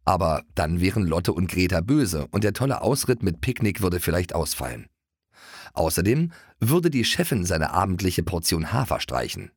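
Deep, husky male audiobook narrator. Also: normal speed, dry recording, studio quality. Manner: expressive, playful storytelling. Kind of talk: scripted narration of a children's book.

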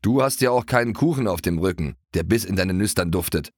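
A man's voice: low voice, animated, a little fast, a little mellow, dry recording, studio quality. A man voicing an impatient, cocky male pony in an audiobook, talking in a pushy, eager way. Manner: pushy, eager, slightly bossy.

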